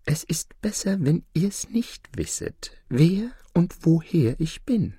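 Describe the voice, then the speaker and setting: A man voicing a sly male devil from a folk tale, with a higher, soft and evasive delivery. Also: sing-song, takes it slowly, husky, no echo, clean studio sound, heavily acted. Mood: secretive.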